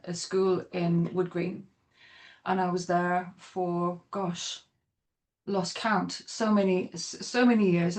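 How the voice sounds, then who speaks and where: A middle-aged woman with a Dublin accent, chatting as a podcast guest, rambling with restarts. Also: mid-range voice. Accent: Irish, Dublin. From Ireland. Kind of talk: podcast interview.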